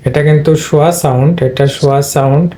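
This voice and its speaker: Male teacher, mellow, fairly high voice, explains step by step and repeats himself to students. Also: steady tone, fast talker. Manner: repeats and addresses students directly. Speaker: English pronunciation teacher. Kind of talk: explanatory lesson.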